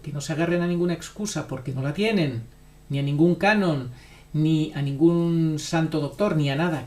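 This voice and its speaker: A preachy man delivers fervent religious commentary, driving each point home by repeating it. His voice sits a little higher than most men's, and it rings around a roomy, echoing space. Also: a little mellow. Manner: insistent, preachy, hammering repetition. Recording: roomy echo.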